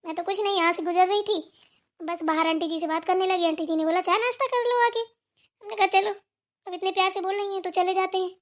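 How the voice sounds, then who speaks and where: A woman's voice: very high voice, fairly even intonation, brisk. A woman voicing a meek, fretful young sister-in-law. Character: humble young sister-in-law, flustered and embarrassed. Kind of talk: cartoon voice acting.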